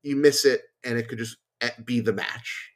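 A man's voice: medium pitch, normal speed. Man explaining card game tactics. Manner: thinks aloud with fillers and restarts. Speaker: podcast guest. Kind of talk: casual chat.

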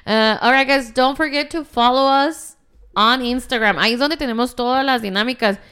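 Clear, higher-voiced woman co-hosting a podcast. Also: normal speed, a bit bright. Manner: switches between Spanish and English, slangy. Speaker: podcast co-host. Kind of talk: casual chat, bantering.

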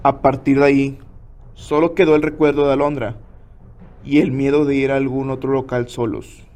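A man narrating a scary story in a measured, steady way. His voice sits at an ordinary pitch for a man. The delivery is scripted and even.

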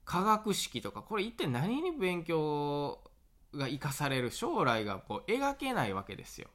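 A man in his thirties with a Kansai Japanese accent, hosting his own radio show and telling a story in a relaxed, rambling way full of fillers. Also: a little high, unhurried. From Awaji Island, Japan. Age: 30s. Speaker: podcast host and farmer. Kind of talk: casual solo radio talk.

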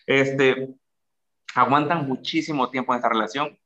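A Mexican man talks casually and animatedly. His bright, forceful voice jumps high when he acts out what people say. The sound is dull and lo-fi. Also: moderate pace. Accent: Mexican Spanish. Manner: animated, acts out quoted speech with big pitch jumps. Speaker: guest speaker. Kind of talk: casual explanatory talk.

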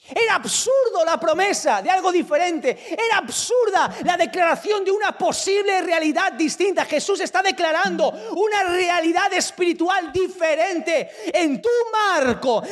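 Guy from preaching, very high voice, lots of rhetorical questions, echo hanging in a big room. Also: a bit bright. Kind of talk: sermon. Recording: long reverb of a large room.

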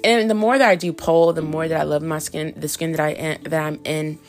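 A woman's voice: low voice, steady tone, a little fast, soft background music. A woman in her thirties hosting a solo podcast, talking candidly and frankly in a chatty way full of fillers, with hiccups and coughs. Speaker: podcast host. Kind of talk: casual solo podcast monologue.

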